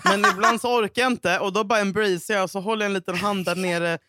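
A woman's voice: medium pitch, fairly even intonation, sharp tone, no echo, clean studio sound. A young woman co-hosting a podcast, telling self-mocking anecdotes in casual chat with laughs and swearing. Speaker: podcast co-host.

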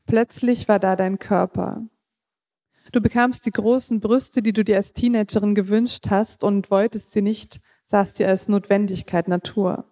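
A woman reading her own literary prose aloud in a measured way, with the odd slip and casual aside. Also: mid-range voice, fairly even intonation, warm tone, no room sound, studio quality.

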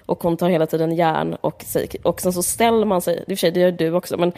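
A woman's voice: on the low side, steady tone, warm tone. A woman chatting casually about a book, rambling with many fillers and speaking candidly and mockingly. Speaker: podcast co-host discussing a book. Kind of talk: casual chat.

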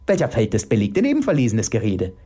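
A man voicing a preachy, indignant woman who delivers agitated, high-pitched tirades. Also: wildly swooping pitch, quick pace, mellow, breathy edge. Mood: outraged.

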